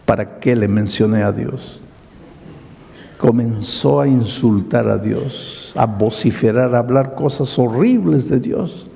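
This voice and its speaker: Older peruvian pastor guy preaching slow, gravelly dark voice, big hall echo. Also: medium pitch. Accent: Peruvian Spanish. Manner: dramatic preaching, acts out dialogue. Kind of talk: sermon storytelling. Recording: long hall reverb.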